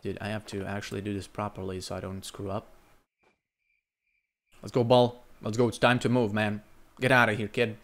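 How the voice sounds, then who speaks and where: A young man from Lithuania, streaming live gameplay commentary into a headset and talking to his chat, breaking into loud exclamations. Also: fairly low pitch, flat delivery, normal speed, pauses often, slight background noise. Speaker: gaming streamer.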